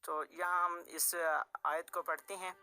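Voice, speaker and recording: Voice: medium pitch, flat delivery, slow pace, pushed and bright, soft background music. A Quran recitation teacher, patiently explaining tajweed rules and restating each point several ways.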